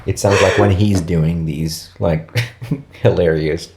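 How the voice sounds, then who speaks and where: A man co-hosting a podcast, in a relaxed, casual film discussion with loose phrasing. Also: deep voice, takes it slowly, noisy background. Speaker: podcast co-host.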